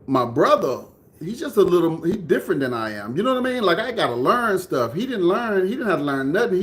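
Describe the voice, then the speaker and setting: A man's voice: on the high side, creaky. Earnest Texan man telling a personal story. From Dallas, Texas. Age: 30s. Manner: earnest, conversational, repeats phrases for emphasis. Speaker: livestream host telling his story. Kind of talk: personal storytelling to a live chat. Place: indoors, room with air conditioning.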